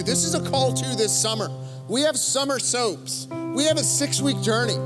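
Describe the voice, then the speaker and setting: A man preaching a youth sermon in a church service, energetic and punctuated with joking asides to the crowd. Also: extremely high pitch. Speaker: youth pastor.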